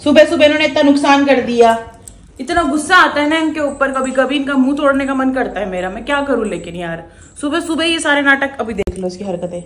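A woman in her thirties chatting casually in a home vlog, talking to viewers and scolding her pets in a high, loud voice. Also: lively intonation, fairly quick, reverberant. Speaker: vlogger.

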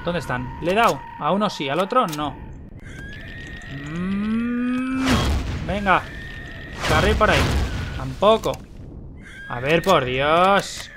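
A young man from Spain with a Castilian accent, giving excitable gameplay commentary, repeating words in bursts and swearing when startled. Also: a little high, measured pace, noisy background. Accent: Castilian Spanish. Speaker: gaming YouTuber.

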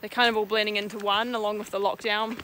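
A woman's voice: medium pitch, flat delivery, fast. A young woman, chatting casually to a handheld camera in a vlog and saying "like" often. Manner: chatty, says "like" a lot. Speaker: vlogger. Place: home kitchen, then outdoors on a bush walk. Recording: faint background noise.

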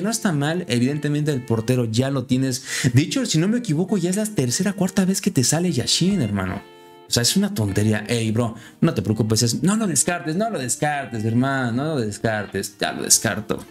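Lively man streaming. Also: moderate pace, faint music behind. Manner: lively, friendly, jumps in pitch when excited. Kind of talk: casual live-stream chat.

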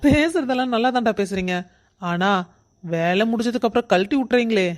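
Cast: man as a sarcastic, threatening cartoon boss, pitched high. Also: animated, brisk. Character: gruff scolding male office boss. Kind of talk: animated story voice acting.

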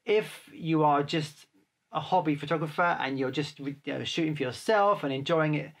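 A man, a photographer, casually answering viewer questions to camera in a relaxed, chatty way. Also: on the high side, moderate pace. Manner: chatty, relaxed, handles gear while talking.

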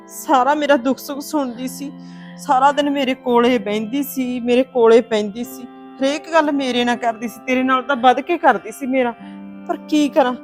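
An actress playing a woman who comforts and reassures her grieving sister-in-law and calmly explains what has happened. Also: sits high, lightly acted. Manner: soothing, reassuring, talks it through. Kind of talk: Punjabi family drama acting.

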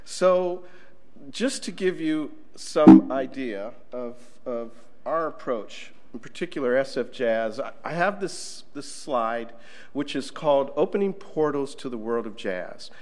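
A middle-aged man presents at a conference in a casual, conversational style full of fillers, speaking into a table microphone in a conference room. His medium-pitched voice is animated but a little slow, and there's background noise.

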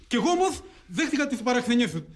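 A coaxing, jokey friend. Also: male voice, very high-pitched, sing-song, a little hiss or hum. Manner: coaxing, joking, pleading. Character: pleading, jokey man, an apologetic friend.

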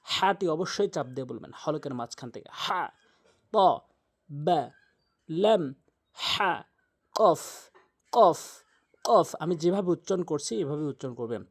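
A man with a slightly high, expressive voice teaches Quran reading step by step in an unhurried way, pausing often. He patiently drills each letter sound, repeating it several times in this pronunciation lesson.

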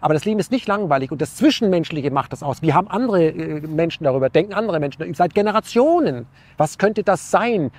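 A man speaks in a high, light voice, recorded dry and close to the mic. He muses earnestly, asking rhetorical questions and restarting his sentences as he searches for words. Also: animated, quick pace, hardly any pauses, darkish tone, no echo. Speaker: interview guest. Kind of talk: reflective philosophical talk.

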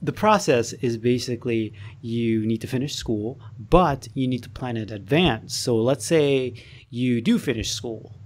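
A man's voice: medium pitch, measured pace. Rambling young man, casual podcast chat. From Aruba. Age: young adult. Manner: rambling, swears casually, laughs often. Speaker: podcast host.

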